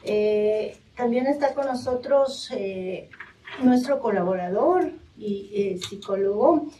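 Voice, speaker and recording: A woman hosting a live radio interview from a studio, speaking hesitantly with many drawn-out fillers. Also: mid-range voice, lively intonation, dark tone, slight background noise. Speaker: radio host. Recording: dull, distant radio recording.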